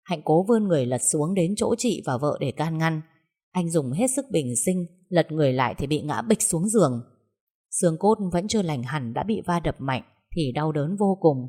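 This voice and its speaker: A woman storyteller reading out a family drama. Her delivery is steady and dramatic, and her voice sits fairly low. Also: normal speed, slightly rough. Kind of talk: scripted narration of a family drama.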